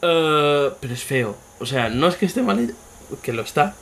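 Male co-host, loose joking banter, average pitch. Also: animated, moderate pace, fairly bright tone, a little hiss or hum. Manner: joking, laughs often, acts out mock quotes. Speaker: podcast co-host. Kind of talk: casual chat.

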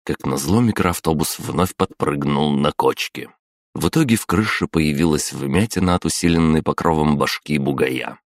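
A man narrating an audiobook in a steady, matter-of-fact storytelling manner. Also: rumbling low, normal speed, no echo, clean studio sound. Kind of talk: scripted narration.

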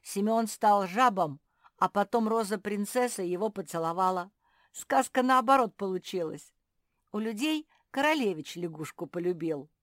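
A woman voicing an excitable young female pug in a children's audiobook, high and shouting. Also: moderate pace, no echo, studio quality, lightly acted. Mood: cheerful.

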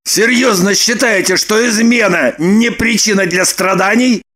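A woman voicing a heartbroken, furious man in an audiobook, shouting and wailing in long, drawn-out outbursts. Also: medium pitch, expressive. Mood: aggrieved. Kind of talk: audiobook character voice.

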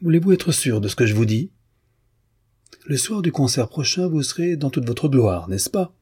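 Lecteur masculin jouant une jeune fille orgueilleuse et moqueuse, timbre sombre et voilé, ton dédaigneux. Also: male voice, medium pitch, sing-song, moderate pace, dark tone, husky, voice pushed up. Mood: scornful. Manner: cutting, disdainful. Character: proud young woman, scornful and calm.

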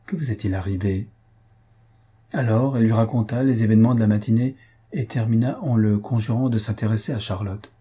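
A man narrating a nineteenth-century novel as an audiobook, measured and expressive. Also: fairly low pitch, husky. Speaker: audiobook reader.

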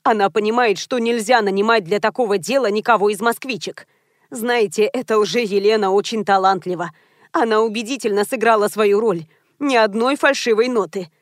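A soft-spoken, fretful older actress who hesitates and worries over every word, as a woman narrator plays her. The recording is dry and close, as in a studio audiobook. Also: medium pitch, moderate pace, dry recording, close to an everyday voice. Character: timid older actress, anxious mother-in-law.

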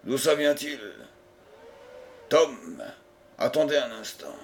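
A man reading the part of an angry male company director who scolds indignantly, at a slow pace. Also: mid-range voice, lively intonation. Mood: gruff. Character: irate middle-aged male company director.

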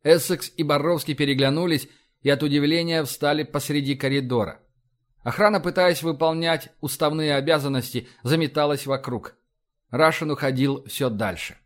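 Man, audiobook narration, even storytelling, somewhat high pitch. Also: moderate pace.

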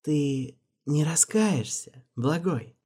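A man's voice: fairly high pitch, lively intonation, very slow, mellow, slightly rough, voice pushed up, exaggerated voice. A man voicing Alvin, an icy schemer. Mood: cold, commanding. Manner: icy, mocking, commanding. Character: cold, ruthless young male schemer.

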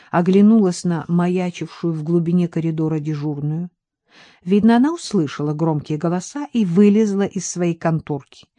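A woman reading an audiobook in expressive, measured scripted narration. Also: fairly low pitch, dry recording. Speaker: audiobook reader.

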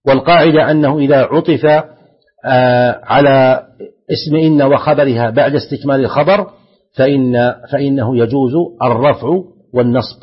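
A man teaching an Islamic lesson as a sheikh. He reads phrases from a text aloud and then explains each one slowly and deliberately, putting stress on the quoted words. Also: medium pitch, fairly even intonation, breathy edge. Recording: dull lo-fi lecture recording.

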